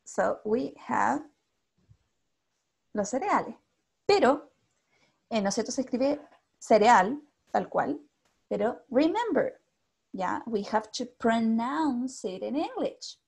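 A high-voiced Chilean woman teaches over a video call, speaking slowly and patiently. Her voice has a gravelly, husky edge. She keeps checking in with her pupils and slips English into her Spanish. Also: very animated, a little mellow. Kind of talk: online class teaching.

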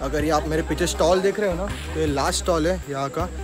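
Fast-talking and slightly high-voiced, this young Maharashtrian travel vlogger chats to viewers while walking an outdoor forest trail near a waterfall. He holds his phone camera for the casual narration. Music runs in the background.

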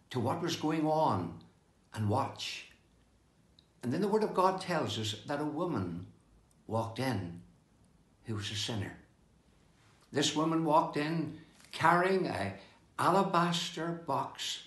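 Slow, lively older preacher man. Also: medium pitch, roomy sound. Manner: slow, emphatic preaching with rising and falling delivery. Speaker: pastor. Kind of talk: devotional sermon. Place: indoor room with bookshelves, seated with open Bible.

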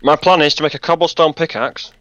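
A man's voice: a little high, brisk, a bit bright, no echo, dull audio. A man playing a game with friends, making dry wisecracks. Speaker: game player. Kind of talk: casual multiplayer game chat.

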